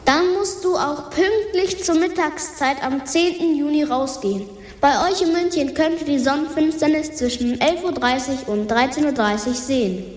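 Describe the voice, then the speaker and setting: High echoing dwarf planet voiced by a woman. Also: moderate pace. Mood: cheerful. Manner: cheerful, calls listeners earthlings. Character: friendly chatty female dwarf planet from space. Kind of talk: children's radio science sketch. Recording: reverb-soaked echoey voice effect.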